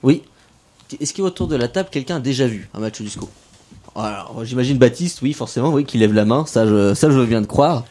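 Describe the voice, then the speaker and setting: A man hosting a casual local radio show, playful and self-mocking, gently drawing out the young guests. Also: mid-range voice, expressive, brisk. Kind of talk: casual radio chat with children.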